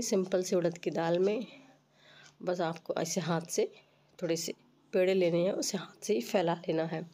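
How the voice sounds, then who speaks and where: A woman narrates a recipe tutorial step by step, informally, her voice stuffy and rough with a cold. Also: fairly low pitch, warm tone. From Uttar Pradesh, India. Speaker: cooking channel host.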